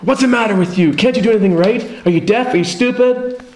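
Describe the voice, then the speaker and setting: Brief: preacher doing domineering father, harsh, raised pitch, shouting at a child. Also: fast, echoey room, close to an everyday voice. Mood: angry scolding. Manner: shouting, berating, impatient.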